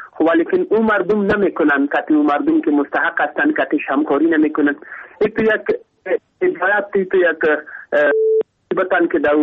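A man with an Afghan Dari accent calling into a radio show over the phone, hesitant and full of fillers. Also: on the high side. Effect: phone-line call into a radio show. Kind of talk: halting call-in question. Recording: tinny phone line on radio.

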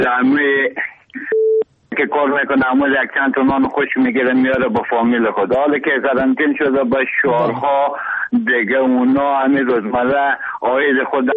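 Courteous Afghan Dari phone-in caller. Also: male voice, mid-range voice. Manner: courteous, rambling. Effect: phone-line call into a radio show. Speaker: radio show caller. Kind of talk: formal call-in opinion. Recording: tinny phone line on radio.

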